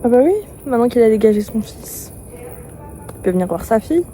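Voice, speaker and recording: A woman's voice: fairly high pitch, lively intonation, a little fast, dark tone, a little hiss or hum, poor audio. Slangy young woman reacting to a book. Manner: slangy, blunt, talks back to the characters. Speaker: book vlogger. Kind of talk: casual reading-reaction vlog. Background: crickets chirping.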